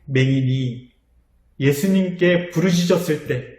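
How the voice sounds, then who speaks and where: A man preaching to teenagers, telling a Bible story in a friendly, animated way. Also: fairly high pitch, a little slow. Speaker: youth pastor. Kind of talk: storytelling youth sermon. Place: church. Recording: echoey room.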